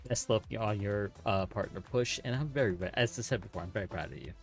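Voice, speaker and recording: A low, gravelly male voice hosts a casual podcast, relaxed and chuckling as he wraps things up. He is pressed right against his pop filter at home, so the sound is very close. Faint music plays under him. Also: fast. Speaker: podcast host. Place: home streaming setup. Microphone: close studio mic with pop filter.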